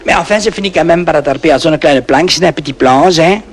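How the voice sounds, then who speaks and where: A man's voice: a little high, brisk, heavy background noise, close to an everyday voice. A man playing a boastful Flemish peasant who rambles through a tall tale in broken French with a Flemish accent, dropping in Dutch oaths and endless "hein". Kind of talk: comic monologue in broken French. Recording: old 1960s record with music.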